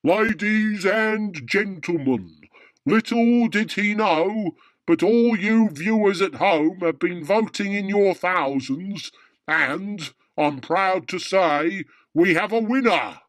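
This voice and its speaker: A man's voice: high voice, slow pace, no echo. A man playing an immortal, philosophical Santa in a radio pantomime, lofty and sly with blokey asides. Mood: showy announcing. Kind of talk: radio drama pantomime acting.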